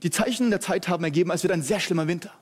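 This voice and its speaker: Man playing a clueless young chief, hesitant, full of fillers, high voice, sermon joke. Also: racing. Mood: unsure.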